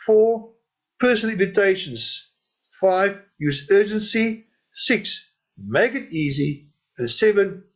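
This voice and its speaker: A man with a high-pitched voice leads an informal training session. He keeps his points simple and repeats them, with a little laugh at his own jokes now and then. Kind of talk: training talk on network marketing events.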